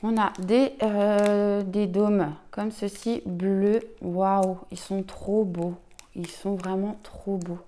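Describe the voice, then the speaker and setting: A woman's voice: mid-range voice, level tone, takes it slowly, warm tone. Woman, casual unboxing vlog, enthusiastic, chatty, filler-heavy. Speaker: craft unboxing vlogger.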